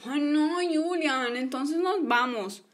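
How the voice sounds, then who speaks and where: A woman's voice: high-pitched, takes it slowly. A woman doing a pouty little girl. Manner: complaining, pouty. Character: sulky young girl friends. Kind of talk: toy play storytelling.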